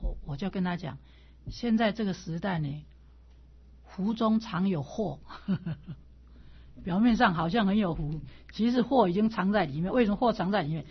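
A woman's voice: medium pitch, animated, normal speed, pauses often, slightly rough. A woman teaching the Analects in a conversational lecture, often repeating and restarting phrases and pushing up into emphatic questions. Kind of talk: informal classroom lecture on classical texts. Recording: dull lo-fi recording.

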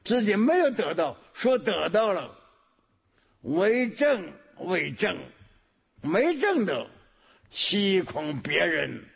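Through a thin, phone-like recording, a man with a high, husky, sing-song voice that swings widely in pitch delivers a Buddhist sermon. As a teacher he's slow and measured, often humming and going back over key words.

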